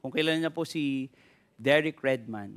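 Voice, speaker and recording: A man's voice: mid-range voice, measured pace, clean tone. A Filipino pastor preaching energetically, calling out to his congregation and switching freely between Tagalog and English. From Philippines. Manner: energetic preaching with repeated call-outs to the congregation. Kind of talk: sermon. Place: church.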